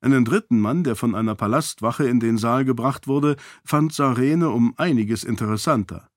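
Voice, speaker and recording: A male audiobook narrator with a mid-range voice and a steady, even delivery. The recording is close and dry. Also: mid-range voice, normal speed, dry recording.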